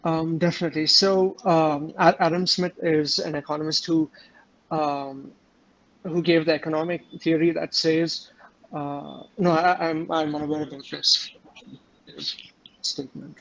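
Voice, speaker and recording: A man's voice: a little high, little pitch movement, unhurried, a bit bright, lo-fi sound. A young man from Switzerland, an admission candidate in an online interview, giving a polished self-introduction and hesitating on quiz questions. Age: young adult. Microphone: computer microphone on a video call.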